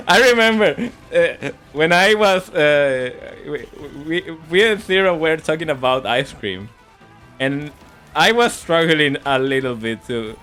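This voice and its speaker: A slightly high, fairly bright male voice belongs to a native Spanish speaker with a Spanish accent. He keeps up casual gaming-stream chatter, full of laughter and repeated words from stumbling.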